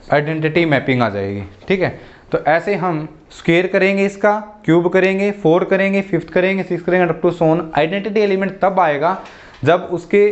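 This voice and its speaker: A man with a high voice gives a math lecture in Hindi mixed with English, and the recording has its highs cut off. He works through examples step by step, repeatedly checking in with "ठीक है" ("theek hai") and "okay."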